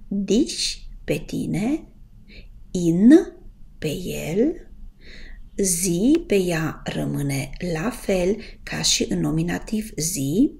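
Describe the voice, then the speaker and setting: A woman teaching a casual language lesson, greeting her viewers and slowly drawing out the example words she wants them to pronounce. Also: low voice, creaky, a little mellow. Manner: patient, drawn-out pronunciation of example words. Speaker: German teacher.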